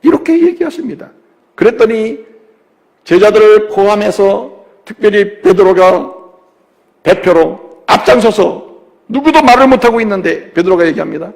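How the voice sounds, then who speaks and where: A man's voice: high voice, animated, moderate pace, creaky. A male pastor preaching a sermon in a church sanctuary, emphatic, often acting out the voices of the people he quotes. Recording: long church reverb.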